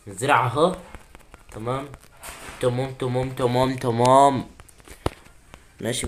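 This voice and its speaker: Chatty Egyptian man narrating his gameplay. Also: medium pitch. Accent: Egyptian Arabic. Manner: chatty, talks to himself and viewers while playing. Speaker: gaming YouTuber. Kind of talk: casual gameplay commentary.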